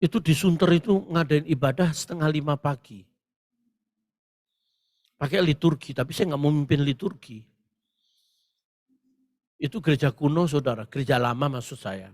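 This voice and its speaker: Preaching a Pentecostal sermon, this male pastor speaks at normal speed in a slightly high voice with long pauses. He relates stories with great animation and breaks out in shouted proclamations.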